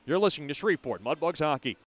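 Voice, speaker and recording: Male sports broadcaster, high-pitched, hosting pregame hockey commentary with an announcer's address. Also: expressive, racing.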